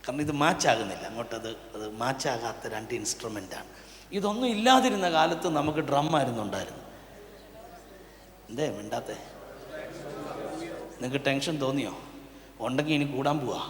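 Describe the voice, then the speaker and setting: A male pastor, preaching a sermon and swinging from quiet asides to loud, impassioned calls. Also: medium pitch, lively intonation, brisk, pauses often. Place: church prayer hall. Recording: echoey church hall, long reverb.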